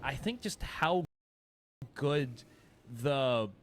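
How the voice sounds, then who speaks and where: A man with a medium-pitched voice casts a live esports match. He is conversational and analytical, thinking aloud as he reads the play. Faint noise and clicks sit behind his voice. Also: lively intonation, very slow.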